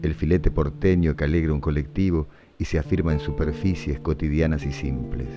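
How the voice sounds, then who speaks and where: Very low male narrator, lyrical scripted reading over guitar, lo-fi sound. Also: steady tone, fairly quick. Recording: dull lo-fi audio over guitar music.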